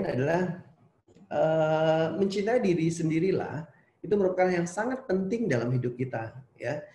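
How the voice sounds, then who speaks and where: A man's voice: fairly high pitch, dark tone. Man lecturing students over a video call. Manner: conversational, poses rhetorical questions to the audience. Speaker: psychologist giving a seminar talk. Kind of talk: online seminar lecture to students. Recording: roomy echo.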